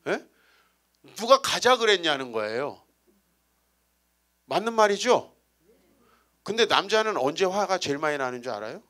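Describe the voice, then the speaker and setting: Animated, bright-voiced pastor in his forties. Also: high-pitched, moderate pace, pauses often. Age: 40s. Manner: animated, teasing the congregation with rhetorical questions. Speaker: guest pastor. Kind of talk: humorous storytelling sermon. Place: church sanctuary.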